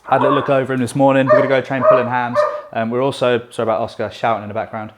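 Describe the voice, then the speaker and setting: A young man coaching and hosting a casual vlog, chatty and relaxed with frequent fillers. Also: mid-range voice, racing, very noisy. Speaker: bodybuilding coach and channel host.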